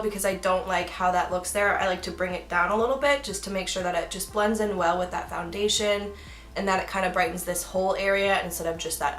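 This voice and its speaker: A woman's voice: medium pitch, a bit bright. Chatty young woman vlogger, echoey room. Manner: chatty, giggly, self-mocking asides. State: hiccups. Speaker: beauty vlogger. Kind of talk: makeup tutorial talk.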